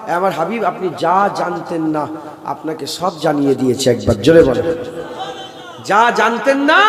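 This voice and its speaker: A man from West Bengal preaching a Bengali sermon with a West Bengal accent, calling on the crowd to answer and shout along, teasing and laughing as he goes. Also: a little high. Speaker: Islamic preacher. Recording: echoey hall, reverb.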